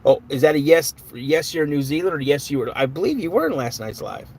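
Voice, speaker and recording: A man's voice: on the high side, animated, quick pace, a little mellow, slightly rough. A man hosting a live stream in a casual, chatty way, greeting viewers by name and answering their comments.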